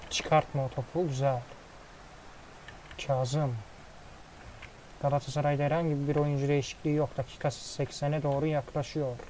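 Excitable man calling a football game. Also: fairly high pitch, a little hiss or hum, poor audio. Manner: excitable play-by-play, swears casually. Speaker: gaming commentator. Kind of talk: casual football game commentary.

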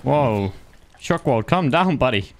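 A young man giving loud, teasing gameplay commentary and bantering with strangers, breaking into sudden excited shouts. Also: medium pitch, slow, noisy background. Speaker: gaming YouTuber.

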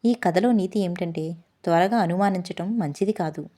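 A woman narrating a simple children's moral story in a gentle storytelling manner. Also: fairly low pitch, normal speed.

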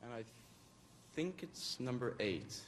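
Young adult man, contestant making brief picks, mid-range pitch, slight studio noise. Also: sing-song, slow pace. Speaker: game show contestant. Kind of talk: brief spoken game choices. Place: television studio.

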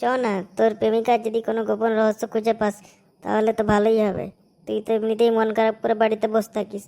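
Cartoon: woman playing a nagging young male friend; fairly high, gravelly, insistent. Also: monotone, quick pace, warm tone. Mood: urging. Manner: insistent, hurrying, bossy. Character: pushy young village guy, nagging friend. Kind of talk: animated cartoon voice acting.

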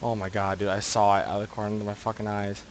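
A man's voice: on the low side, flat delivery, fast talker, slight background noise. A man streaming himself playing a horror game, jumpy and swearing constantly as he talks through it. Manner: jumpy, swears constantly, pleads others to take over. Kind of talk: live horror game commentary.

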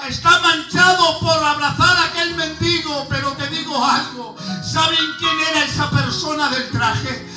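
A man from preaching an emphatic sermon that builds to shouts. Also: very high voice. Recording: echoey hall, far mic, music behind.

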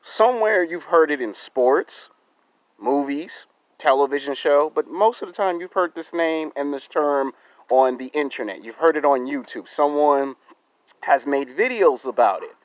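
An American man in his thirties talking deliberately to his subscribers in short, emphatic, repetitive phrases, outdoors into a close phone. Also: on the high side, expressive, dry recording. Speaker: YouTube vlogger. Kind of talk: monologue to camera for subscribers. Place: outdoors in a residential yard. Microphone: phone held close to the face. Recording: dull, lo-fi phone audio.

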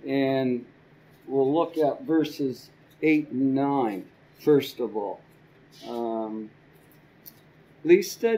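Slow, halting older man teaching a class. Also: on the high side, warm tone, poor audio. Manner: slow, halting, with frequent ums and repeated words. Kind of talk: church Bible class lesson. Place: church classroom with a projector screen. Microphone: podium microphone.

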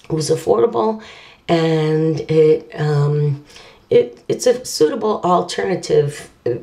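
Low gravelly woman wearing dentures. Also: dark tone. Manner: candid, conversational, halting with fillers. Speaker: vlogger. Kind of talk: casual personal video update.

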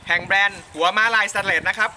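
A man's voice: sits high, fairly even intonation, fast, pushed and bright. A man speaking for an ice bucket challenge video, exclaiming breathlessly as if in ice cold water. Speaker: company steel seller taking a charity challenge. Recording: noisy amateur video with background noise.

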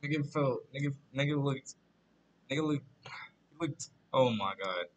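A man commenting on a prank video as he watches it, excitable and incredulous, often repeating himself. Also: mid-range voice, measured pace, slight background noise. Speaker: streamer reacting to a video. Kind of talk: casual reaction commentary.

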